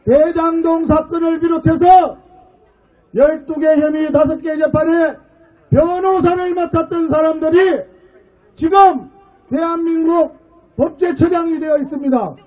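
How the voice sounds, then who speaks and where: A middle-aged man, a party floor leader, giving a fiery speech at an outdoor political rally, shouting and firing rhetorical questions at the crowd. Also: very high-pitched, fairly even intonation, measured pace, poor audio.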